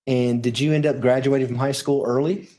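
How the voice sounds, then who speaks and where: A man's voice: medium pitch, steady tone, brisk, dark tone. Man lawyer in courtroom questioning. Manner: formal, step-by-step questions.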